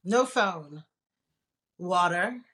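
A woman with a low voice, originally from Nigeria, talking as a guest on an interview show. She tells her story in a relaxed, chatty way and laughs easily. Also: extremely slow. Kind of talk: casual interview conversation.

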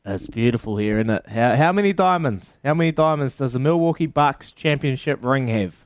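A man's voice: medium pitch, expressive, brisk, no room sound, clean studio sound, faint music behind. A man with a New Zealand accent hosting a casual phone-in radio quiz, matey and fond of repeating his phrases.

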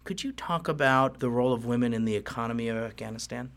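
A man's voice: mid-range voice, fast talker, gravelly, a bit bright. A man hosting an interview program, introducing his guest politely and asking questions. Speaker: interview host. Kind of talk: conversational interview.

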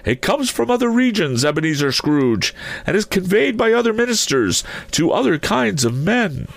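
Storybook ghost of a dead businessman: anguished, solemn, very high wail with wide swings, declamatory. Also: very animated, creaky, no room sound, exaggerated voice. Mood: mournful, solemn. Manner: mournful, declamatory, drawn-out solemn delivery. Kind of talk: dramatic storybook reading.

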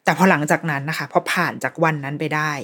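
A woman hosting a podcast, chatting casually as she reviews a TV series, retelling scenes in an animated, restarting way. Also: deep voice, fast talker.

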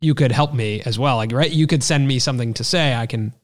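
A man's voice: medium pitch, fairly quick, in a large hall. A man with an American accent, speaking conversationally as an interviewer on a podcast. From United States.

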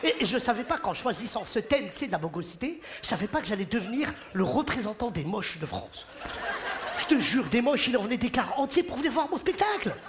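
A stand-up comedian, a man, performs an animated, joking routine on a theater stage and puts on voices for the people in his stories. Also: very high voice, a little fast, noisy background. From Morocco. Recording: live show in a hall, audience laughter. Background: audience laughing and cheering.

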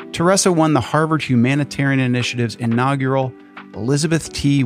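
A man hosting a podcast, reading a scripted introduction and then asking friendly, conversational questions. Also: medium pitch. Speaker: podcast host. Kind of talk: podcast interview.

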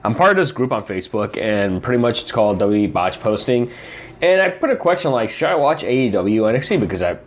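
A man's voice: mid-range voice, animated, quick pace, a little hiss or hum. A young man hosting a casual pop culture podcast, rambling with lots of fillers. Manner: rambling, filler-heavy, eating while talking. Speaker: podcast host.

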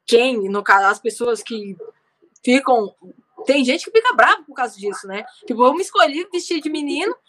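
Young woman, high pitched, chatty, does the voices of people she quotes. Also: moderate pace. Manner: animated storyteller, acts out quoted dialogue. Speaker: guest. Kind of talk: casual chat.

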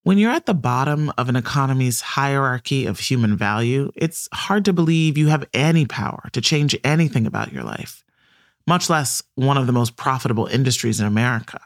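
A man narrating a documentary podcast in a measured, scripted storytelling voice. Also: medium pitch, big pitch swings, no room sound, studio quality.

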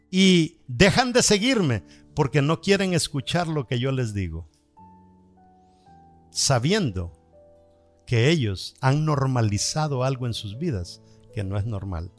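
A male preacher delivering an emphatic sermon, his voice sitting a little high for a man. He repeats key phrases for weight, and soft instrumental music plays faintly underneath. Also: sing-song, takes it slowly, long pauses. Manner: storytelling, emphatic, repetitive.

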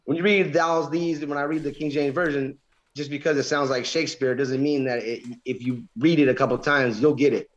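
A man's voice: medium pitch, steady tone, a little fast, muffled recording. A man in casual religious conversation, speaking earnestly and emphatically and often repeating his phrases.

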